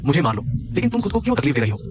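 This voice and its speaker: A man's voice: a little high, very animated, racing, crowd noise. An actor playing a threatening male thug in a dubbed short drama, taunting and cruel. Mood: pleading. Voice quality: menacing, taunting. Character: threatening male thug, ex-lover turned hired killer.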